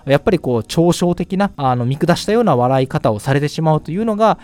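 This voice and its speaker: A man's voice: fairly high pitch, animated, fast talker, a little mellow, smooth. A man with Japanese as his first language, hosting a casual language-learning talk, chatty with many fillers and polite asides. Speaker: Chinese language course host. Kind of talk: casual explanatory monologue.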